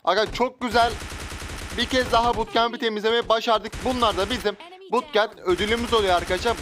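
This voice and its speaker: Young guy yelling and joking through a shooter match, highish voice, faint gunshots behind. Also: background noise. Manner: loud outbursts, joking, slangy. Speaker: gaming YouTuber. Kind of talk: excited gameplay commentary. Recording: faint game sounds and gunfire.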